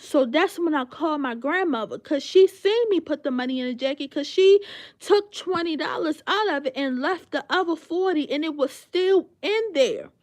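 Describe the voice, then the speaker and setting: A young woman on a livestream telling a heated story, profane and indignant, with lots of fillers. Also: high voice.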